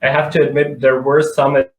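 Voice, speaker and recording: A man's voice: mid-range voice, level tone, fairly quick. A man from North Macedonia, speaking conversationally as an expert guest in an interview. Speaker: interview guest, advertising director. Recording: echoey room sound.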